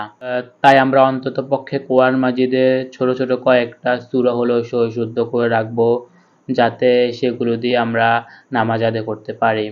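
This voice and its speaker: A man teaching scripture reading, spelling out each syllable and chanting the verses slowly. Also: mid-range voice, highs cut off. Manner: slow, drawn-out chanting on recited verses; spells syllables letter by letter, patient instruction. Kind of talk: spelled-out recitation lesson.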